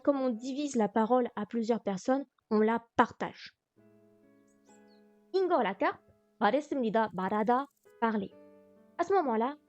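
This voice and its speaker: A woman's voice: high voice, darkish tone, no echo. A woman teaching a beginner language class on a livestream, thinking aloud with lots of fillers. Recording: dull lo-fi stream audio, faint music.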